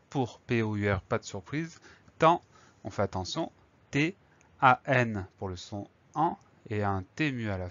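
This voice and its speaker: A man's voice: medium pitch, lo-fi sound. A man teaching a spelling lesson, spelling words out letter by letter and explaining each one patiently before a dictation.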